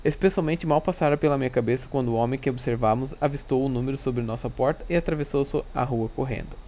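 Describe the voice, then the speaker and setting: A man reading a classic novel aloud in a steady, measured first-person narration. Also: medium pitch, a little hiss or hum.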